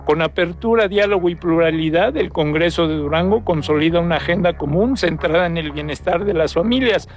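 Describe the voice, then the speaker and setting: A man's voice: a little high, fairly quick, hardly any pauses. A man reading a scripted radio news bulletin as its presenter. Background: faint music.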